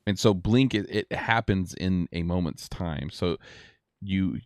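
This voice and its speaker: A man running a tabletop game as game master, narrating scenes and explaining rules in a casual, halting way. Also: low-pitched, dry recording.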